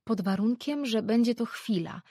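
A woman doing a brisk, guarded young priestess. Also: fairly high pitch, expressive, warm tone, no echo, studio quality, pitched above the performer's own voice. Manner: brisk, matter-of-fact.

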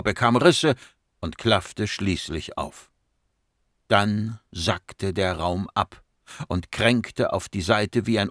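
A man narrating an audiobook in a measured storytelling voice that slows for dramatic moments. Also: on the low side, dry recording, studio quality. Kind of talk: scripted narration.

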